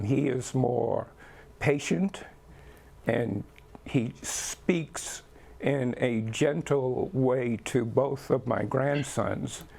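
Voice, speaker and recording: An older man from the Bahamas speaks slowly, with a gravelly edge to his mid-range voice. He answers interview questions thoughtfully, pausing often and leaning on fillers. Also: medium pitch, a little mellow. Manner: slow, thoughtful, with many pauses and fillers. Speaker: guest.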